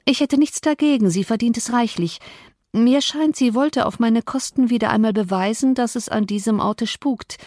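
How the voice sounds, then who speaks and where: A woman reader voicing a polite young gentleman guest, frightened and agitated. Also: a little high, moderate pace, no echo, studio quality, close to an everyday voice. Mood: apologetic.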